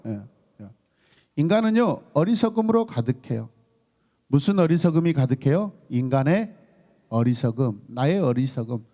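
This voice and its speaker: A male pastor from South Korea delivers a night sermon in a bright, high voice. His pitch leaps up and down as he throws questions to the congregation. Now and then he bursts into a scolding tone. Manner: calls and responses to the congregation, acts out scolding voices. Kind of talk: sermon at a Friday night service.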